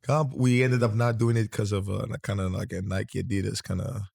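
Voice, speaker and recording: A man's voice: on the low side, level tone, fairly quick, gravelly, darkish tone, husky. A man from Greece hosting a casual interview, talking in rambling sentences that often restart. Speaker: podcast host.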